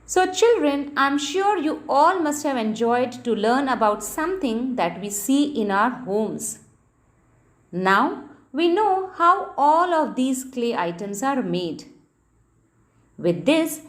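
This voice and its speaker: A high-voiced woman leads a children's lesson. She reads slowly, her pitch rising and falling in a lively sing-song way. She speaks clearly, as if for young pupils. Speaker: teacher.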